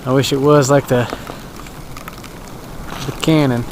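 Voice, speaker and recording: An outdoor vlogger casually narrates his winter camping trip beside a fire at a snowy campsite, rambling and chuckling with filler words, filmed on an action camera. His voice is medium-pitched with little pitch movement and a measured pace. The recording is rough, with a little hiss or hum.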